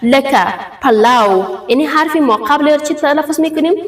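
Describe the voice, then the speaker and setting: A woman teaching a step-by-step language lesson, saying example words slowly and repeating them for drill. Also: sits high, distant mic. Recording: echoey, from off the mic.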